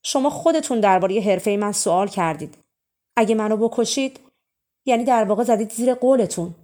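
A woman's voice: mid-range voice, mellow, natural voice. A woman voicing a humble young man pleading with a king in a storybook reading.

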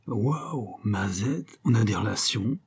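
A man's voice: fairly low pitch, expressive, takes it slowly, creaky, slightly rough, heavily acted. A man reading an audiobook, playing a chatty, nosy male office colleague who teases jovially. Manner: jovial, teasing.

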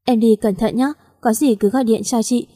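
A woman's voice: fairly high pitch, fairly even intonation, normal speed, warm tone, natural voice. Woman reading as a caring older sister. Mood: concerned.

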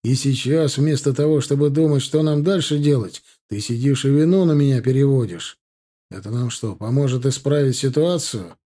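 A man's voice: mid-range voice, lively intonation, moderate pace, dark tone, slightly rough. A man voicing an exasperated grown son arguing with his mother, in an audiobook. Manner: irritated, pleading. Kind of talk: audiobook character voice.

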